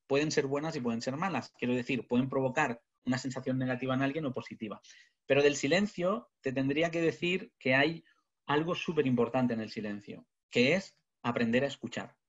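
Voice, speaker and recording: A man leads a business communication webinar from his webcam. He keeps asking rhetorical questions in a lively way. His voice sounds a bit husky, and the audio comes through dull and lo-fi. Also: on the high side. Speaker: communication trainer. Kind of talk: webinar talk. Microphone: webcam video call.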